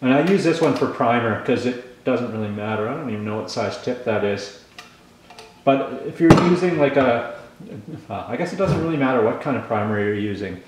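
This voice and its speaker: Forties guy, casual tool-vlog host, mumbles through gum, lots of ums, mid-pitched, very echoey room. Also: animated, moderate pace, slight background noise. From Canada. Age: 40s. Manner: rambling, lots of ums and restarts. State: chewing gum, slightly mumbled. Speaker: channel host.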